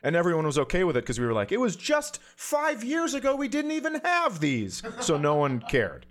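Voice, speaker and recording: Speaking fairly quickly in a high-pitched voice, a comedian on a podcast tells an animated, self-mocking story in a casual way, voicing the things people said as he goes.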